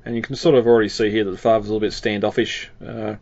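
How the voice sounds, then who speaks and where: A man's voice: lowish voice, little pitch movement, rapid-fire, a little mellow, no echo, dull audio. A man co-hosting a casual film podcast, rambling with lots of fillers and frequent chuckles. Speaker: podcast co-host.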